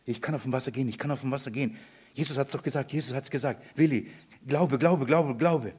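A man's voice: mid-range voice, quick pace, darkish tone, breathy edge, pitched below the performer's own voice, natural voice. A preacher acting out Peter, a fisherman stammering in fear on the waves. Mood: quiet, self-assuring. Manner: self-talking, then panicky and stammering.

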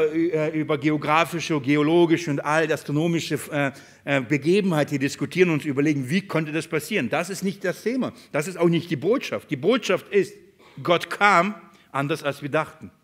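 A man preaching a sermon in a church, his voice sitting a little high. He poses questions to the congregation and answers them, swinging from loud declarations down to hushed lines.

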